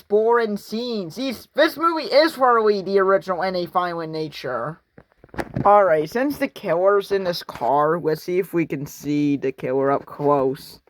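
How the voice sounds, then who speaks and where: A young man giving casual, sarcastic commentary on a horror movie, rambling and mocking as he watches. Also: high-pitched. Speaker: reaction video host.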